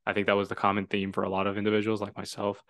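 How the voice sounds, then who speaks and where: Recorded in clean studio quality without echo, this podcast host is a twenty-something man from Toronto whose fairly low voice stays monotone and a bit bright. He talks rapid-fire in an earnest, reflective, rambling way during a casual chat.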